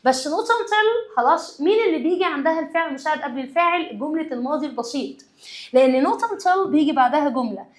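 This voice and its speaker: Fast-talking high-voiced Egyptian woman teacher. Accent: Egyptian Arabic. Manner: lively, addresses students directly, mixes English terms into explanation. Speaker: English teacher. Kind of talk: exam review lesson.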